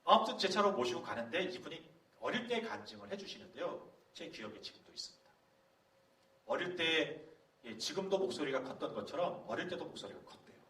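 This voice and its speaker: A middle-aged man, a pastor, telling a story to a youth leaders' camp in a lively, storytelling way. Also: on the high side, brisk, vocal fry. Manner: animated storytelling, acting out quoted voices. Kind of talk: sermon-style talk at a youth leaders' camp. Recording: roomy hall from a distance, faint background noise.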